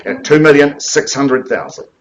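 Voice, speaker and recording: A man's voice: medium pitch, very animated, moderate pace, lo-fi sound, a little hiss or hum. A man working as an auctioneer at a live property auction, repeating bid figures and coaxing bidders along.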